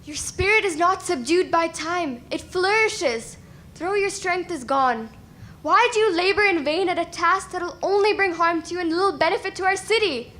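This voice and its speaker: A student actress speaking as a solemn chorus member in a school stage play. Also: female voice, extremely high pitch, expressive, moderate pace, fairly bright tone. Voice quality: declaiming, solemn. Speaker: student actor.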